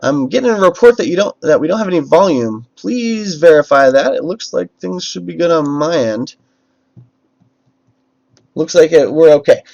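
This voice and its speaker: A man's voice: fairly high pitch, animated, moderate pace, creaky, a little mellow. A man hosting a game livestream, talking casually to chat with lots of fillers and restarts. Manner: chatty, many fillers and restarts. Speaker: livestream host. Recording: dull lo-fi stream audio with faint music.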